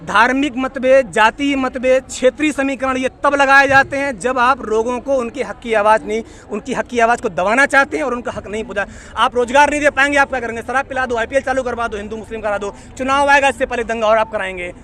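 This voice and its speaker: A man's voice: very high voice, a little fast, hardly any pauses, pushed and bright, slight background noise. Fiery young man speaking at a protest. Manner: fiery, rhetorical, leads call-and-response chants. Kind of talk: impassioned street speech with poetry. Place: outdoor protest site in a city.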